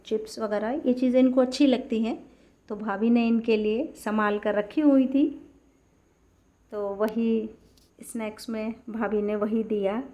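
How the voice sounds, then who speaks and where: A woman narrates a personal vlog in a soft, unhurried voice-over. Her tone is warm and mellow and stays very level, with little rise or fall. She takes her time with each thought. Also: fairly high pitch, dull audio. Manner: soft, unhurried, even storytelling. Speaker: vlogger.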